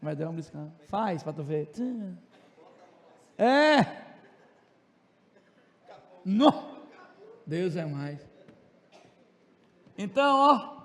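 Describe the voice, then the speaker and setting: A man with a Tocantins Brazilian accent teaching a class in a joking way, talking loud and fast with asides to his students. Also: sits high, very animated. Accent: Brazilian Portuguese, Tocantins region. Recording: long reverb of a classroom.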